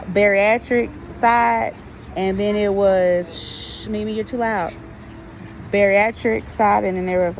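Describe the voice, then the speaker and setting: A woman's voice: mid-range voice, a little hiss or hum. An American woman chatting casually to her viewers in an informal, folksy, rambling way, often drawing out hesitant phrases. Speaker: vlogger.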